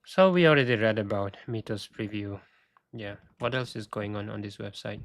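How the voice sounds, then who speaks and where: A man hosting a casual screen-share walkthrough, thinking aloud with halting restarts, and he is losing his voice. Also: fairly low pitch, no room sound, studio quality. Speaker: tech video host.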